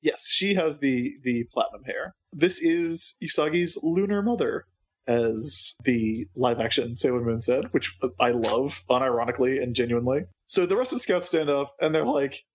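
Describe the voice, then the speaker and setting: Male podcast co-host, husky tone, chatty and digressive. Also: medium pitch, animated, normal speed. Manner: chatty, digressive, laughs often. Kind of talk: casual chat.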